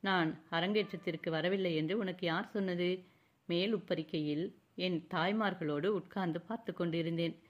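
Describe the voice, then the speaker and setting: A young prince of an old kingdom, courtly and teasing, speaking in formal storybook speech, as a woman narrator reads his lines. The voice is a woman's, pitched a little low. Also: moderate pace, muffled recording, lightly acted. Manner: mocking, courtly. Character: young royal prince, teasing then tender.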